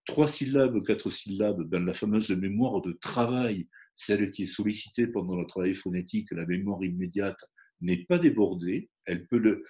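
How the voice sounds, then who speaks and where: A man with a somewhat low-pitched voice talks as a phonetics professor in an interview. He explains in a lively, explanatory way and breaks off to demonstrate pronunciation examples aloud.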